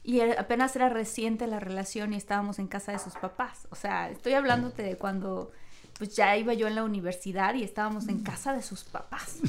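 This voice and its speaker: A woman with a Mexican accent talks in casual, expressive conversation. Her voice is high and lively. A faint hiss sits behind her. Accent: Mexican Spanish. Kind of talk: casual chat.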